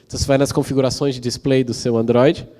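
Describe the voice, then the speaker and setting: Talking fast in a relaxed, chatty way, this Brazilian conference speaker explains technical material, sprinkling in fillers and tag questions to engage listeners. He has a Brazilian Portuguese accent and a mellow, dark, middle-pitched male voice, with long hall reverb behind every phrase.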